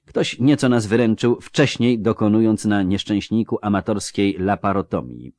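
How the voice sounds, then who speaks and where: A man's voice: lowish voice, moderate pace, darkish tone, dry recording, voice pushed up, lightly acted. Male narrator playing a cool, mocking halfling surgeon, clipped clinical orders, raised voice. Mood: brisk, sardonic. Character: sardonic halfling field surgeon, male, unflappable.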